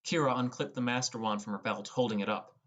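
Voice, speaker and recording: Reading from a script, a narrator tells a fantasy adventure in the first person for an audiobook, in a medium-pitched voice that's a bit bright and moves at a quick pace.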